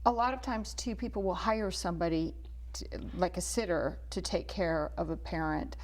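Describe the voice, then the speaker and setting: A woman's voice: on the low side, normal speed. A woman hosting an infomercial interview in a conversational, plain-spoken way, prompting a guest with questions. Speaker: interviewer, host.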